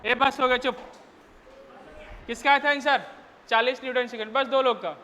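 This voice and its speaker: Captured in a lo-fi recording from an echoing classroom, this man has an extremely high, sharp voice held at a steady tone and a moderate pace. He teaches physics to an unruly class, dictating questions and filling the gaps with crude slang as he scolds and teases his students.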